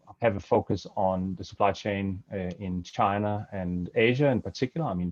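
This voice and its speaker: Speaking over a headset from a home office, this middle-aged man from Denmark is a webinar guest speaker with a Danish accent. His low, darkish voice stumbles along hesitantly, full of fillers and restarts, and the recording has the dry, dull sound of a video call.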